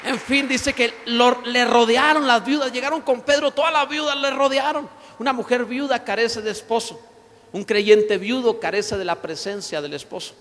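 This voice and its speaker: A male pastor preaching a passionate sermon, swinging between shouted declarations and quiet storytelling. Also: extremely high pitch, normal speed, some chatter behind. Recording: reverberant church hall.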